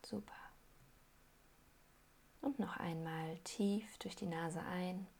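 A woman with a lowish, husky voice leads a guided meditation. She speaks very slowly and calmly, leaving pauses between gentle instructions. Her soft phrases often sink into breathy near-whispers with a creaky edge. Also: a little hiss or hum. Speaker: hypnosis guide. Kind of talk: soothing guided meditation for weight loss.

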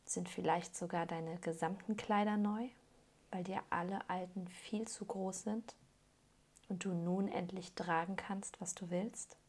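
A woman guides a soothing hypnosis-style meditation, calm and gentle in her instructions. Her lowish voice is soft and breathy, moving at a measured pace and often trailing off toward a whisper.

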